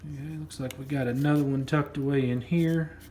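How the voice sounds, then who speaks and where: A man's voice: medium pitch, steady tone, fairly quick, reverberant, noisy background. A man chatting casually while opening a package, rambling and repeating himself as he goes. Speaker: coin collecting vlogger. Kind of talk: casual unboxing chat.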